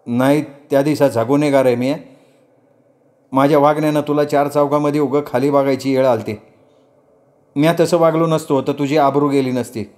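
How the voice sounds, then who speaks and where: A man voicing a shy, rough young village herdsman who speaks in rustic village dialect. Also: medium pitch, steady tone, normal speed, a little mellow, close to an everyday voice. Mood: sheepish. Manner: rustic village speech, sheepish.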